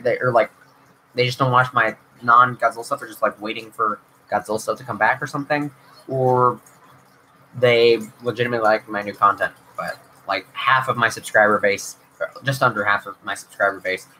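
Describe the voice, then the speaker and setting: A young YouTube host chats through viewer questions on a casual stream, his medium-pitched voice pushed and bright. He wanders, fills gaps with filler words, and restarts frequently, all captured on a low-quality recording with slight background noise.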